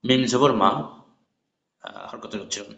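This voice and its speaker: A man's voice: mid-range voice, vocal fry, a bit bright. Man teaching Quran recitation, echoey lo-fi. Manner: explains patiently, spells letters aloud, then chants words slowly. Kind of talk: spoken lesson with chanted examples. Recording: echoey, dull lo-fi room recording.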